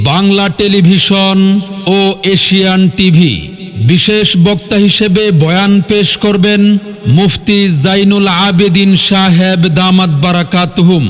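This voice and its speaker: A high-voiced man delivers a formal religious event announcement. His delivery is solemn and declamatory, slow and even in tone. Long hall reverb trails his words. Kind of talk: formal scripted public announcement for a religious gathering.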